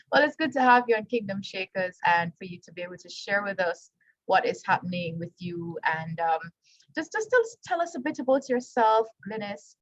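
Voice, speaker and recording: A woman's voice: medium pitch, lively intonation, moderate pace, no room sound. A woman hosting a radio interview, prompting her guest with encouraging remarks and frequent laughs. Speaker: radio show host. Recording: dull lo-fi radio sound.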